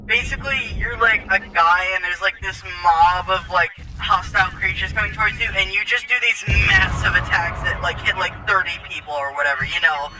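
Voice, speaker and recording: A young man chatting casually while gaming, rambling and halting with many restarts. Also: high voice. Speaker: co-host. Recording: noisy background.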